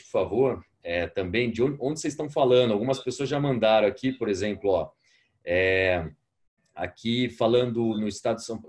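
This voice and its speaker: A man's voice: fairly low pitch, a little mellow. A young adult man with a Brazilian Portuguese accent, hosting a live online masterclass and chatting while reading out audience messages.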